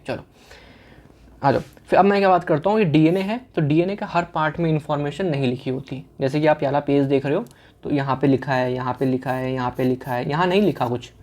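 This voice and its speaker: A man giving an online medical lecture in a casual, fast way, asking questions and answering them himself and repeating key words. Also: fairly high pitch, a little mellow. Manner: casual, fast-talking teacher.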